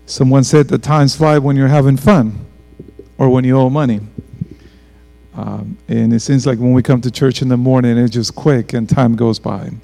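A man's voice: medium pitch, fairly even intonation, measured pace, gravelly, dark tone. A man in his forties from the Republic, speaking, preaching a bilingual sermon full of personal stories and speaking straight to the congregation. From Dominican Republic. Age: 40s. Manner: storytelling, addresses congregation directly. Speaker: pastor. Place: church hall. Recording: long church reverb, faint mains hum.

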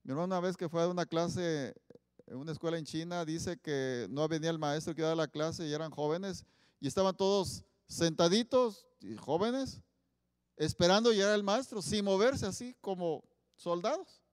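A man preaching a sermon, often asking the audience questions and stressing Bible quotes loudly. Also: a little high, moderate pace, clean tone, clean studio sound. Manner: asks the audience many questions, loud emphatic Bible quotes. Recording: long hall reverb.

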